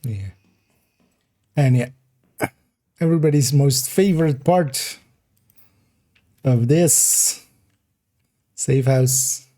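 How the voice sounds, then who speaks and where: A man's voice: medium pitch, drawn-out words, pauses often, mellow. A man streaming a video game, chatting casually as he plays, rambling and giggling, often restarting his sentences. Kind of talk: casual gameplay commentary.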